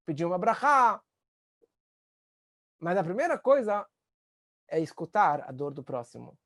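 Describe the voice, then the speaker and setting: A man, a rabbi teaching a class on empathy, earnest, and acting out the voices he quotes with sudden rises in pitch. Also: very animated, unhurried, fairly bright tone, no room sound, studio quality. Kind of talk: spoken lesson on empathy.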